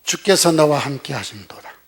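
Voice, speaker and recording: A man's voice: on the high side, lively intonation, normal speed, gravelly, husky, pitched below the performer's own voice, exaggerated voice. An older pastor voicing a solemn male angel proclaiming in archaic, formal speech within a sermon.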